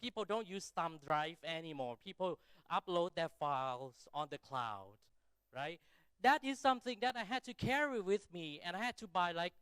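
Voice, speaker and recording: A middle-aged man with a Thai accent gives a conversational keynote. His voice sits a little high and is smooth and crisp, with a dry, close sound. He is self-deprecating and often checks in with short rhetorical questions. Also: a bit bright, dry recording. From Thailand. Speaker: keynote speaker. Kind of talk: conference keynote speech, conversational and informal.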